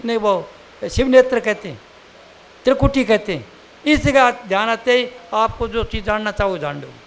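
A man's voice: very high voice, a bit bright, a little hiss or hum. An older man from India giving a spiritual sermon in a plain, conversational teaching manner with everyday examples. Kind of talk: satsang sermon.

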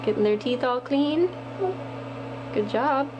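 A woman's voice: sits high, slow, background noise. A woman at home coaxing her toddler to brush his teeth, filmed on a handheld camera in a small bathroom. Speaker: mother, co-vlogger. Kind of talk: casual home vlog.

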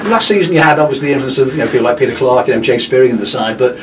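Chatty male club interviewer, quick. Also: mid-range voice. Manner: long rambling questions with fillers. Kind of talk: post-match interview. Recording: distant mic with room noise.

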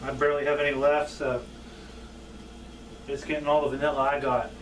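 A man in his thirties hosting a cooking show as a chef, talking casually and plainly in a halting, informal way. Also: mid-range voice, flat delivery. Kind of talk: casual instructional vlog talk. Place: indoors at home, table and kitchen. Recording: distant mic with background noise.

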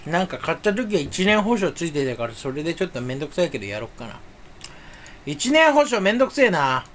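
Young male vlogger, self-mocking chatter, fairly high, swinging voice, faint hiss behind. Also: big pitch swings, fast. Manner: playful, self-mocking muttering with sudden loud outbursts; talks while sucking candy. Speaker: YouTuber. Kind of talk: rambling solo chat.

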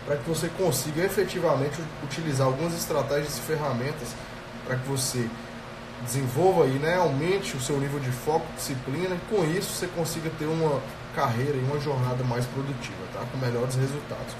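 A Brazilian Portuguese-accented man in his thirties, a productivity coach with a cold, hosts an energetic live stream, addressing viewers directly and often checking in with "tá?". His voice is fairly high and fairly quick. Recorded on a phone's earphone headset mic in a small indoor room, it sounds reverberant and distant, with background noise.

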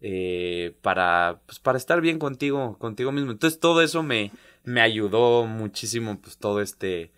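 A middle-aged man with a bright, forward voice talks things through as an interview guest. He restarts his phrases often and pauses to find words, in a calm, reflective conversational tone. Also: on the low side, clear, resonant tone. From Mexico. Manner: halting, many restarts and "¿sabes?" tags. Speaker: interview guest, former pro footballer and youth coach.

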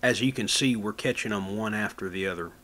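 Male outdoor host, slightly low voice, casual folksy how-to voice-over. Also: fairly quick, fairly bright tone. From Florida, USA. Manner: plain, folksy how-to explaining with fillers. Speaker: fishing channel host. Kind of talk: voice-over narration of outdoor fishing footage.

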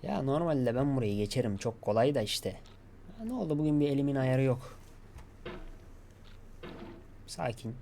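A man giving gameplay commentary, talking to himself and coaxing himself to stay calm. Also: mid-range voice, moderate pace, gravelly, long pauses, slight background noise. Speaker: gaming YouTuber.

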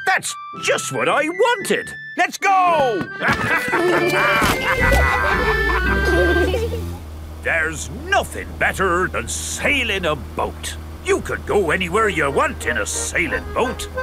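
A man voicing an excitable seafaring father dog in a children's cartoon, with hearty, blustering nautical exclamations. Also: high-pitched, a little slow, full character voice. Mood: excited, hearty. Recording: music behind the voice.

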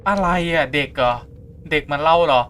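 Bright-voiced excitable man gaming. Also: on the high side, brisk. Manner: excitable, talks to himself, swears in jest. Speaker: gameplay streamer. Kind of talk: casual let's-play commentary.

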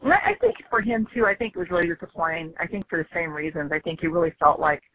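Frank, animated woman in her fifties. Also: lowish voice, fast, highs cut off. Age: 50s. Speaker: interview guest, former reality show contestant. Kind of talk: casual interview chat.

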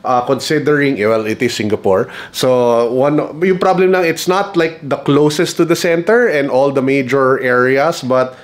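Holding his phone or camera out at arm's length, this Filipino travel vlogger in his 30s jokes around informally in a mix of Tagalog and English. He talks at a normal speed in a mid-range voice, barely pausing, as he goes from hotel room to mall, street, and restaurant.

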